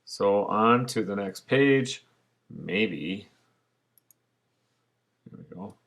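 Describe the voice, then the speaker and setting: A man's voice: on the low side, lively intonation, drawn-out words, gravelly, a bit bright. A male science teacher giving a recorded online lesson over slides, explaining patiently with frequent fillers.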